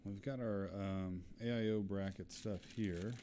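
A man acting as lead technical expert, explaining computer parts in a relaxed way with frequent fillers. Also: lowish voice, measured pace, slight background noise.

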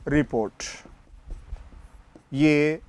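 Lecturing on political science to a class, this man has a fairly high yet darkish voice that is clear and resonant. He delivers slowly and deliberately, asking and answering his own questions and going back over the main points.

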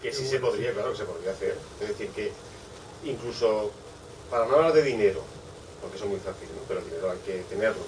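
A man's voice: fairly low pitch, quick pace. A man, a book publisher speaking on a bookshop panel, rambling with many asides and repeated "es decir". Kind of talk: panel discussion. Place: bookshop event space. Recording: distant mic, faint room noise.

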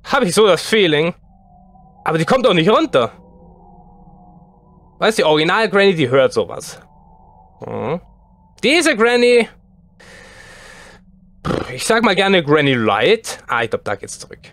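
Excitable high-voiced male gamer. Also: unhurried, pauses often, no echo. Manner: excitable, chatty, talks to the game characters. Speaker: let's play host. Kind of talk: horror game commentary.

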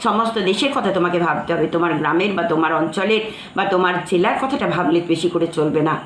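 A woman's voice: lowish voice, fast talker. Female literature teacher in an echoey room. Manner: reads a line, then explains it, often repeating phrases. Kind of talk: explaining a literature text to students. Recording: echoey room with faint noise.

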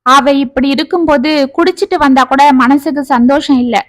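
A woman voicing a stubborn middle-aged father who is fond of drink, speaking gruffly in a storybook tale. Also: sits high, brisk, dry recording, close to an everyday voice. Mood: tearful.

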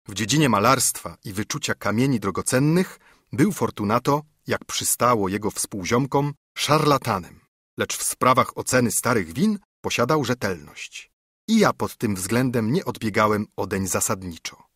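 A man narrates an audiobook in a measured, formal manner. His voice is husky and sits at a middling pitch. The recording is dry and close, with no room sound. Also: a bit bright, no room sound.

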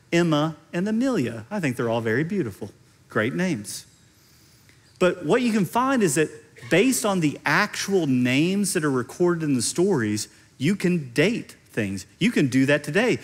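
Animated Kentucky-accented man preaching, high-pitched. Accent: Central Kentucky. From central Kentucky, United States. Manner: conversational, explanatory, repeats phrases for emphasis. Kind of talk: teaching sermon on stage. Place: large indoor stage.

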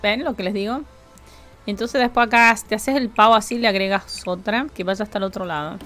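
A woman's voice: medium pitch, a little fast, a bit bright, faint music behind. A woman with a Rioplatense Spanish accent, chatting casually with her live-stream chat while building in a game, jokey and talkative.

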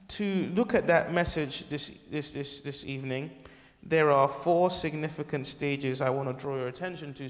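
A man's voice: a little high, long reverb tail. Earnest preacher man, many restarts. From England. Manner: earnest, halting with frequent restarts and self-corrections. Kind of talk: sermon. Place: large wood-panelled church hall, indoors.

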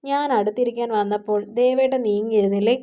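A woman's voice: fairly high pitch, steady tone, quick pace, mellow, natural voice. Audiobook part: a sulky young woman in love, pleading and pouting, read by a woman. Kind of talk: audiobook character reading.

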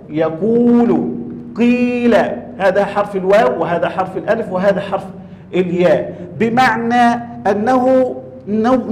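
A man's voice: sits high, darkish tone, a little hiss or hum. Guy teaching a class, stretches out the example words, big echoey room. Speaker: Quran recitation teacher. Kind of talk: classroom tajweed lesson.

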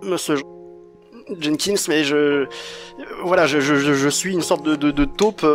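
A man's voice: on the high side, unhurried, close to an everyday voice. A man playing a frightened young male informant who stammers and repeats himself as he pleads, in tabletop role-play. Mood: nervous, stammering. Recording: music in the background.

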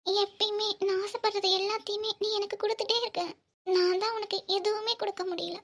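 A woman voicing a young, emotional bride-to-be in a cartoon, speaking softly through tears. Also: very high voice, level tone, brisk. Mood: tearful joy. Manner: tearful, soft-spoken. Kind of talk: cartoon voice acting.

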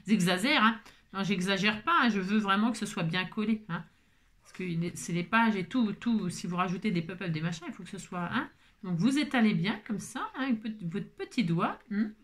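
A woman's voice: mid-range voice, animated, moderate pace, fairly bright tone. A woman hosting a casual crafting tutorial, out of breath, chatty and full of fillers and repetitions.

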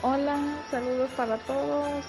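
A woman from Guatemala, gently recording a holiday greeting. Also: high-pitched, steady tone, measured pace, over loud music, poor audio.

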